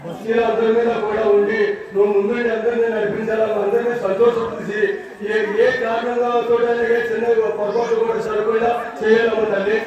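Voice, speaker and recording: A man's voice: sits high, little pitch movement, brisk. A man respectfully petitioning an oracle as a devotee at an outdoor gathering. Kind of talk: pleading petition to a goddess. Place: outdoor hillside temple gathering. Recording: echoing distant PA, dull, crowd noise.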